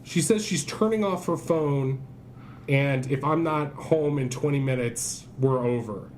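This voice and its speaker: A man's voice: fairly high pitch, unhurried, a little mellow, close to an everyday voice. A man playing a griping, flustered podcast host in an audio drama, rambling and stammering as in casual chat. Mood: exasperated. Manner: rambling, stammering, sweary, exasperated. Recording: clearly noisy background.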